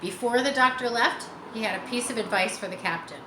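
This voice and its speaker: A slightly high-pitched woman reads fairly quickly from a children's chapter book, giving young listeners simple explanations along the way. Her recording has a roomy echo and faint background noise.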